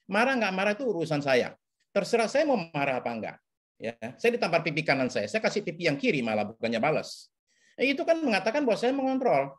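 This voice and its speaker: A man lecturing on counseling over a video call, his pitch rising and falling in a lively way. He keeps checking in with his listeners as he explains. The delivery is teacherly and conversational. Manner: teacherly, checks in with repeated oke and ya. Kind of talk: webinar lecture.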